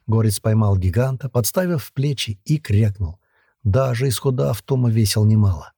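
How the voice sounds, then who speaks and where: A man narrating a fantasy audiobook in a steady storytelling manner. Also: on the low side, normal speed, dry recording, clean studio sound.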